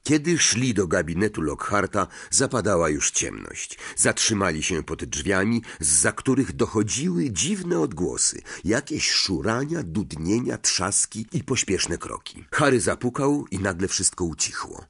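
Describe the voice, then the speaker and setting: A man narrating an audiobook in a steady storytelling read. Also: low-pitched, a little slow, vocal fry, few pauses, husky. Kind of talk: scripted narration.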